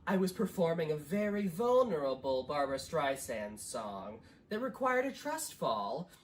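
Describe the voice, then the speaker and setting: A woman voicing a catty, indignant male vampire prince in improvised role-play, with a theatrical, haughty, drawn-out delivery. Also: low-pitched, sing-song. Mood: wounded, indignant.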